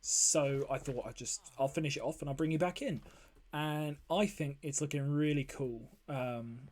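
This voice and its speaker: A man's voice: on the high side, a little mellow. Chatty man rambling over gameplay. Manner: rambling, chatty, lots of ums and fillers. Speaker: let's play host. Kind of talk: casual gameplay commentary.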